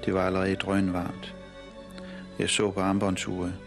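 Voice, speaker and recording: Man reading a story out loud, low gravelly voice, steady pace. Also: over music. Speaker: audiobook reader. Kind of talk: scripted narration.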